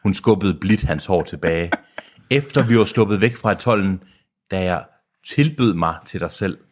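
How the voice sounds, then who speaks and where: Low-voiced man doing a comic reading. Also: lively intonation. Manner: reads with exaggerated sensual delivery, breaking into laughter. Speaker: podcast co-host reading a novelization aloud. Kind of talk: comic dramatic reading with asides.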